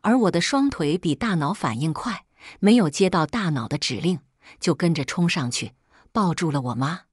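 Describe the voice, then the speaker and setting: Woman narrator, low voice, breathy, very expressive first-person storytelling, dry close sound. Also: moderate pace, dry recording. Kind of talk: scripted narration.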